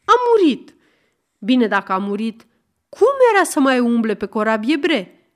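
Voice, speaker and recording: A woman's voice: on the high side, animated, lightly acted. Woman doing an exasperated old judge. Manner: shouting, questioning, exasperated. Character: stern weary old male judge.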